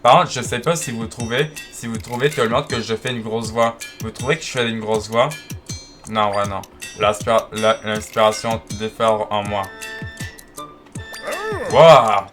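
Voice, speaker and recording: A man's voice: medium pitch, steady tone, normal speed, fairly bright tone. A man giving casual gameplay commentary, chatty and full of restarts, talking straight to his viewers. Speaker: gaming video creator. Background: game music.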